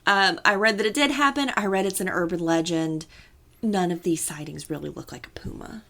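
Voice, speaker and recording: A woman's voice: fairly low pitch, brisk, pushed and bright. A woman co-hosting a casual podcast, telling a story with playful asides and a chatty manner. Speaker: podcast co-host.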